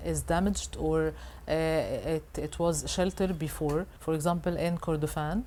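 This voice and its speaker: A woman's voice: deep voice, measured pace, warm tone, a little hiss or hum. A woman answering interview questions in a hesitant way, with many filler sounds and restarts. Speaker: interviewed guest reporter.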